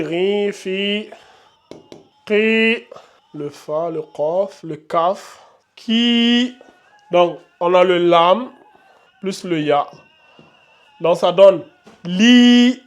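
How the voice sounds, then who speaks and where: A man with a fairly high voice teaches Arabic pronunciation for Quran reading. He talks slowly and stretches each letter sound out so learners can copy it. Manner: slow, drawn-out demonstration of letter sounds.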